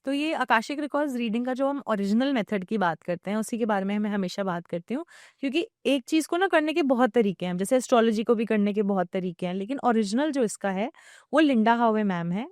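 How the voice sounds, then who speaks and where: A woman's voice: a little high, animated, brisk, darkish tone, dry recording, clean studio sound. A woman podcast guest, an Akashic record reader, explaining her practice at length and mixing English phrases into her talk.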